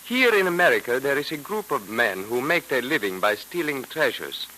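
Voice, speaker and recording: An actor in old radio drama style playing a courteous, resigned Egyptian cult captive with formal, deliberate phrasing. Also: male voice, medium pitch, very animated, bright, forceful tone. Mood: earnest. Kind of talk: 1940s radio drama acting. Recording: noisy vintage radio recording.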